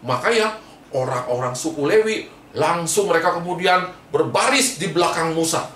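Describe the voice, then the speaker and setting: A man's voice: fairly high pitch, expressive, normal speed, bright, forceful tone, slight background noise. A man, a pastor, telling a Bible story to children, asking them questions and repeating points for emphasis. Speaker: pastor teaching Sunday school. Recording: echoey room, mic far off.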